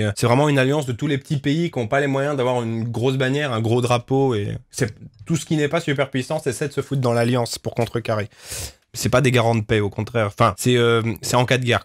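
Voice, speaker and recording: A man in a casual stream chats through fan theories about the fantasy universe he created. His manner is animated and profane, with many hesitations, and he bursts into exclamations of disbelief. The sound is dry and close to the mic, with a middle-pitched voice. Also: no echo. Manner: animated, swears often, exclaims loudly in disbelief; explanatory, with many filler hesitations. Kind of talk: casual livestream reading and commentary.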